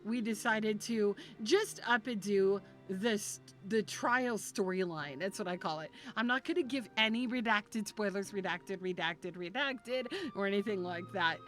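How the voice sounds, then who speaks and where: A woman's voice: medium pitch, normal speed, few pauses, fairly bright tone, soft background music. A woman VTuber streamer chatting casually with her viewers. She is emotional and gushes in rambling sentences, often restarting them. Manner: gushing, rambling, many restarts. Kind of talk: casual live-stream chat.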